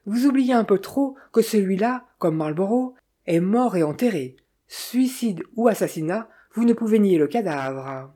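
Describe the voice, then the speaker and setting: A woman's voice: medium pitch, animated, normal speed, mellow, lightly acted. A woman reading the lines of an indignant traveling salesman in an audiobook, brusque and defiant. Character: indignant middle-aged male traveling salesman.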